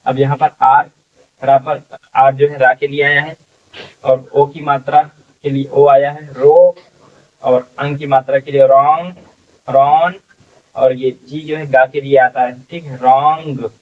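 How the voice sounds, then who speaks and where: A man teaching English reading to beginners, sounding out each word slowly and repeating it, with a frequent checking filler between steps. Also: medium pitch, little pitch movement, recorded from a distance, phone-quality sound. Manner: slow, drawn-out sounding out of words, repeating each one. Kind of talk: phonics lesson for beginners.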